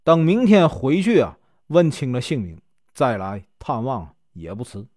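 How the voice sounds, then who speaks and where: A man's voice: mid-range voice, big pitch swings, a little slow, no room sound, clean studio sound. A man voicing a deaf, talkative old aunt who fusses over her guest and scolds her giggling girl. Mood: fussy, chatty. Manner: talkative, fussy, scolds loudly.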